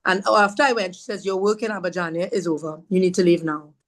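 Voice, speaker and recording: A woman from Trinidad and Tobago, a podcast guest sharing a personal story in an earnest, halting way, often acting out what others said. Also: fairly low pitch, fairly even intonation. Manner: earnest, often acts out others' words in her retelling; halting, with fillers and restarts.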